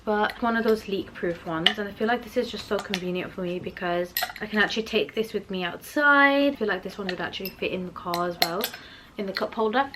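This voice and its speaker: Bubbly British woman, lower-pitched, noisy recording. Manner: bubbly, gushing, emphatic excitement. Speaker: haul vlogger. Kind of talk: casual chat to viewers.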